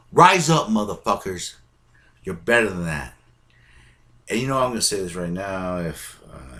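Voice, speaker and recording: A man's voice: lowish voice, a bit bright. A man ranting bluntly to his viewers, swearing heavily and hammering his points with emphatic bursts. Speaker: vlogger. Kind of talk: profane ranting monologue.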